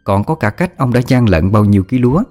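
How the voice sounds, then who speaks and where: Low-voiced male ghost-story narrator. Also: fairly quick. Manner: steady, even storytelling. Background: faint background music.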